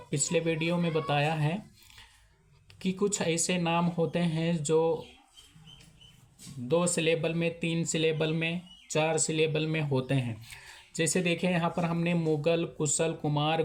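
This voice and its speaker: A man teaching how to write names, explaining patiently and repeating each step. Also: on the high side. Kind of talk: explaining spelling at a whiteboard.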